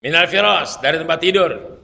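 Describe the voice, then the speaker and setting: A man with a Betawi Jakarta accent teaching a casual religious lesson, reading Arabic and explaining it in colloquial speech with humor, his voice swinging from loud to soft. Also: on the high side, moderate pace, vocal fry. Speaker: Islamic preacher teaching fiqh. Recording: muffled lo-fi sound.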